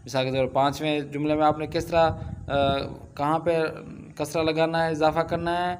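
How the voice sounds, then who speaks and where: A man teaching Persian in an online lesson. He reads Persian sentences aloud and then explains them slowly, with many filler sounds. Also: on the high side, level tone, a little hiss or hum.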